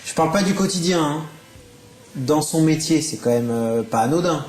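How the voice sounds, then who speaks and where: A man's voice: a little high, lively intonation, normal speed, darkish tone, rough recording. A man hosting a TV show, chatting in a casual, joking and colloquial way with his guests. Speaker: TV host. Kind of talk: casual chat.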